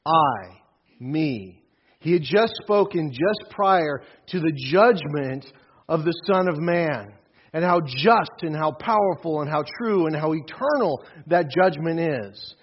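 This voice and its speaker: A man preaching a sermon with a husky, slightly high voice, leaning hard on repeated words for emphasis. The recording sounds dull and lo-fi. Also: animated, takes it slowly. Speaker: pastor.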